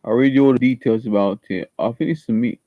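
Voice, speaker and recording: With a mid-range voice and a fast pace, this man chats casually on a live stream, seated at home, preparing for an acting audition. He has a slight Jamaican accent and reads instructions aloud, frequently repeating and starting his words over. The sound is narrow and tinny, with no room sound.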